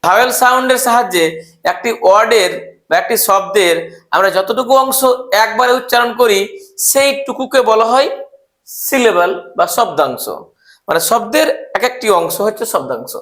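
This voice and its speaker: Male tutor, bright high voice, patient letter-by-letter spelling, roomy echo. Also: lively intonation, brisk. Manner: spells words letter by letter, asks questions of students. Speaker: English teacher. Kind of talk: grammar lesson.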